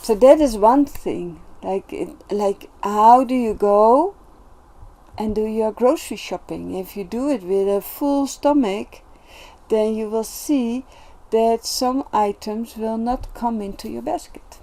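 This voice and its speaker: Woman vlogging, slow gentle earnest talk, lots of pauses and restarts, soft mellow voice. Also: on the high side. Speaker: self-development vlogger. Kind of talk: casual reflective monologue.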